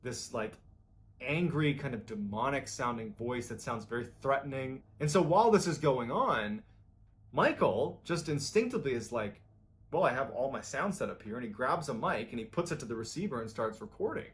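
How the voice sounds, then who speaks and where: A man's voice: expressive, normal speed. Man casually telling a true story. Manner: conversational, acts out quoted lines with rising pitch. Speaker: storyteller host.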